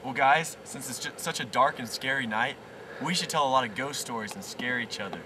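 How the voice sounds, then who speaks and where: A young man telling deadpan mock ghost stories to friends in a teasing, mock-solemn way. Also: mid-range voice, a little fast, background noise. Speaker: storyteller among friends.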